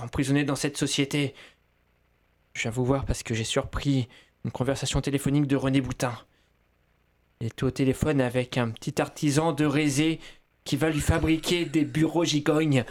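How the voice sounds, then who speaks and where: A man voicing an earnest office accountant who lays out an escape plan in a measured way. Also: fairly high pitch, lightly acted.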